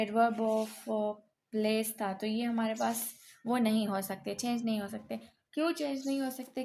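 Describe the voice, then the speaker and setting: A woman's voice: on the high side, a little mellow, slight background noise. A woman teaching English grammar to beginners, explaining patiently, often checking in and correcting herself.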